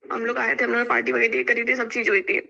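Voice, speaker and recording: Woman, high voice, very bright tone, tinny phone line, defensive and pleading. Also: flat delivery, fast talker, creaky. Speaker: caller in a quarrel. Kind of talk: phone call argument.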